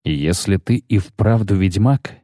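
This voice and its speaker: A man's voice: lowish voice, expressive, measured pace, darkish tone, dry recording, studio quality. A man voicing a menacing older bounty hunter who growls and sneers.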